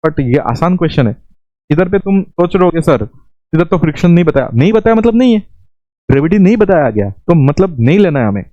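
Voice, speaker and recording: A man's voice: high-pitched, sing-song, brisk, warm tone, dry recording, highs cut off. A man teaching exam physics problems in a coaxing, repetitive way, mixing English terms into his talk. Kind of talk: Hindi-English exam lesson.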